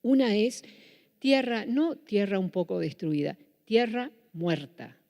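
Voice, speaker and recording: Speaking slowly with lively intonation, this woman has a medium-pitched, darkish voice, captured on a muffled recording in a reverberant hall. Born in the Netherlands, she carries a Buenos Aires Spanish accent as she delivers a public lecture, frequently restarting and self-correcting.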